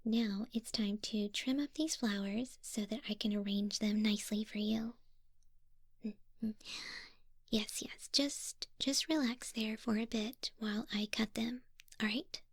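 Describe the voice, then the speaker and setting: Woman voicing a calm female Leafeon florist, soft whisper, very slow, gravelly fry, soothing. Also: mid-range voice, no echo, studio quality. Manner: soothing, unhurried shopkeeper talk. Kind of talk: ASMR roleplay.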